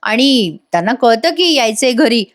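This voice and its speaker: A woman's voice: a little high, very animated, moderate pace. Woman doing an impatient grown son. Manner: impatient, complaining.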